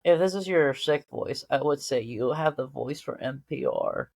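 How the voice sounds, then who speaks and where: A man's voice: medium pitch, moderate pace, vocal fry. A man co-hosting a casual comics podcast, joking and rambling as he talks. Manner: jokey, rambling, animated. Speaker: podcast co-host.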